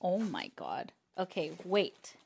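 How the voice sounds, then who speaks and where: Woman, podcast co-host, gushing, exclamatory, swooping lively voice. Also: fairly low pitch, takes it slowly, creaky, slightly rough. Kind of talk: casual podcast chat, unboxing fan mail.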